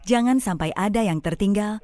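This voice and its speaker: A woman giving a formal, polite train announcement over an onboard loudspeaker, measured and evenly paced. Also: mid-range voice, no room sound. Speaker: recorded station announcer.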